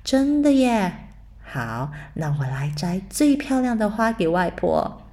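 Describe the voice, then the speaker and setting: A woman voicing an innocent, cheerful little girl in a bedtime storybook, speaking in an eager, high childlike voice. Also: big pitch swings, slow, dark tone.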